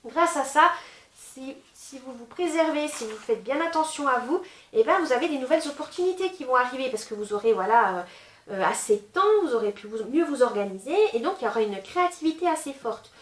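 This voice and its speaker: A woman giving a casual tarot reading, chatty and gently advising, with many fillers. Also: sits high, animated, brisk, echoey room. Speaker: tarot reader.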